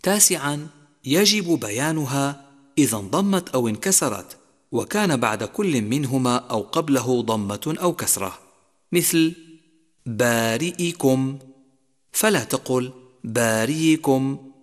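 A man giving a televised lesson on Quran recitation rules, chanting example words slowly and drawn-out. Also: mid-range voice, animated. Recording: long hall reverb.

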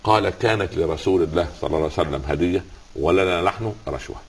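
A man's voice: low voice, very fast, slightly rough. A man with an Egyptian accent, an Islamic scholar giving a religious talk, telling stories, quoting scripture and asking rhetorical questions.

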